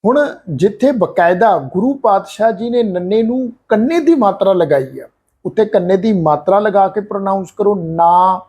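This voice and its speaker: Male teacher, husky, deliberate, reciting verses to show pronunciation. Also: high-pitched, lively intonation, darkish tone. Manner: earnest, slow and deliberate, chanting scripture lines as examples. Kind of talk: religious pronunciation lesson.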